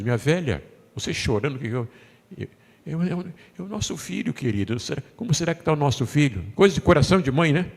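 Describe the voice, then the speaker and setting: A man with a Brazilian Portuguese accent, a pastor preaching a sermon. He tells the story in a lively way, voices the characters and puts questions to the congregation. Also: medium pitch. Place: church sanctuary. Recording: long hall reverb in a church.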